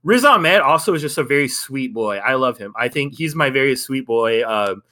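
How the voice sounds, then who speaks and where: A man's voice: mid-range voice, expressive, moderate pace, bright, forceful tone. A young man co-hosting a podcast, reviewing a film in a rambling, hedging way and laughing often. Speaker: podcast co-host. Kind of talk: casual film review chat.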